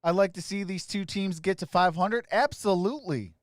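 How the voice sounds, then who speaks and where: A man hosting a sports live stream, casually greeting viewers by name and giving shout-outs as he reads their comments. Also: sits high, moderate pace, no room sound, studio quality.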